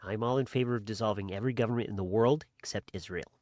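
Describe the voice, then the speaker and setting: A man in a whispered role-play, voicing a deadpan, mock-logical figure in a low, quiet, half-whispered voice. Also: quick pace, no echo, lo-fi sound, close to an everyday voice.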